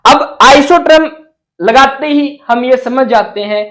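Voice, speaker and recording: A man's voice: very high-pitched, slow pace, fairly bright tone, rough recording. A man teaching chemistry as a lecture. He asks the class questions and then answers them himself, and he drops English terms into his explanations.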